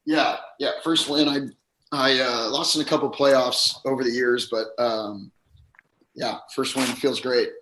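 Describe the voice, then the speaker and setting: Hoarse man in a roomy space. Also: medium pitch, fairly even intonation, a little slow, a bit bright, slight background noise. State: hoarse, voice a little gone. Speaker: professional golfer, podcast guest. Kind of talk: casual chat.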